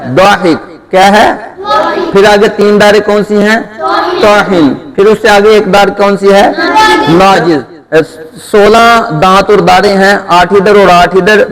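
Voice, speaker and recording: A man teaching Quran letter pronunciation, asking his students questions and answering them himself, drawing out each letter sound. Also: high-pitched. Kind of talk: Urdu tajweed lesson, call-and-response drilling. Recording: long hall reverb.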